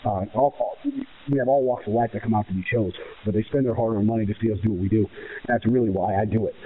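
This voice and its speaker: An American man, a professional wrestler, answers interview questions emphatically and with total self-assurance, repeating phrases in runs. His voice is fairly low and steady, and he talks fast. The recording sounds muffled and narrow, like phone-style radio audio.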